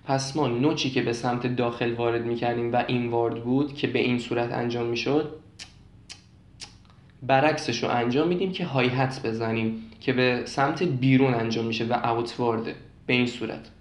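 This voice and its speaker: A young man calmly explaining beatbox technique step by step, repeating points and demonstrating as he goes. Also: medium pitch, echoey room. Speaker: beatbox teacher.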